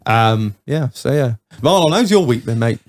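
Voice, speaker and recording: A man's voice: mid-range voice, lively intonation, normal speed. A man, hosting a casual podcast chat, enthusiastic, swearing freely and laughing often. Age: 20s. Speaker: podcast host. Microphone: studio microphone.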